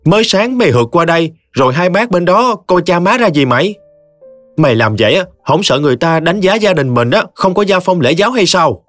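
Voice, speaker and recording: A man's voice: a little high, big pitch swings, a little fast, a bit bright, no room sound, faint music behind, pitched above the performer's own voice. Man voicing a scolding sister-in-law. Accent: Southern Vietnamese. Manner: scolding, nagging.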